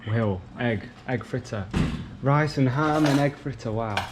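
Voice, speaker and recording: A man's voice: medium pitch, unhurried, background noise. A man narrating a casual travel vlog, explaining his conservation work with a light, humorous touch. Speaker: vlogger and sloth conservation worker. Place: rainforest and countryside, partly outdoors.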